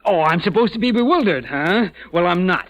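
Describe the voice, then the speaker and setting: An actor playing a gruff, slangy, exasperated police sergeant in a 1940s AM radio detective drama. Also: male voice, sits high, lively intonation, fairly quick, a bit bright. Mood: exasperated, impatient. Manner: blunt, slangy, grumbling. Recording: muffled 1940s AM radio recording.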